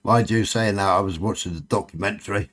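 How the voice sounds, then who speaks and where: A man's voice: fairly low pitch, brisk, fairly bright tone. A man with a Cornish accent chatting casually on a late-night livestream, bantering and swearing freely. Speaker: live stream host.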